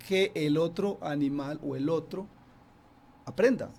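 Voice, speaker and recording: Guy on a radio show, kinda high voice, rambles and restarts, faint hiss behind. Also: a little slow, gravelly, a little mellow. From Antioquia, Colombia. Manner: conversational, many restarts and fillers. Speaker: snake expert guest. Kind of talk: radio interview, explaining. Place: radio studio.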